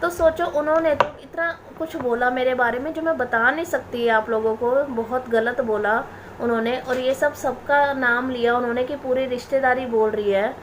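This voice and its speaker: Indignant high-voiced woman vlogger. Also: fairly even intonation, moderate pace, a little hiss or hum. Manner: indignant, defensive, repeating herself. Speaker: family vlogger. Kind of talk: direct-to-camera vlog rant.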